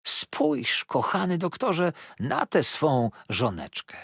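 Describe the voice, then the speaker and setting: A man's voice: on the high side, huge pitch swings, slow, creaky, a bit bright, slightly rough, no echo, clean studio sound, pitched above the performer's own voice, heavily acted. A man voicing a talkative, pushy old mother-in-law in an audiobook, gushing and insistent.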